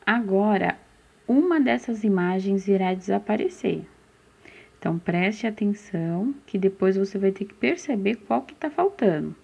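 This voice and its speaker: A Brazilian woman teaching a slow, patient phonics lesson for young children, stretching out syllables and asking questions that she then answers herself. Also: medium pitch, lively intonation, gravelly, darkish tone, slightly rough. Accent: Brazilian Portuguese. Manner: drawn-out syllables, asks questions and answers them. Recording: dull, muffled lo-fi recording.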